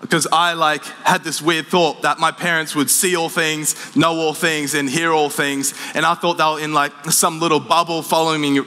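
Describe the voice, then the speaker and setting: Young man, pastor, bright and forceful sermon delivery, casual storytelling, live church hall reverb. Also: fairly high pitch, little pitch movement, normal speed, few pauses. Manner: casual storytelling, laughs at his own stories. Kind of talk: sermon with personal anecdotes. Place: large church auditorium.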